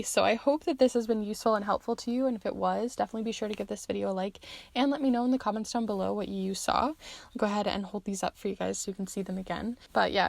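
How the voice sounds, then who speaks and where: Addressing viewers in an informal pick-a-card reading, this tarot and charm reader keeps things chatty and encouraging even as her voice begins to fail. Her mid-range voice is creaky, and the recording is dry.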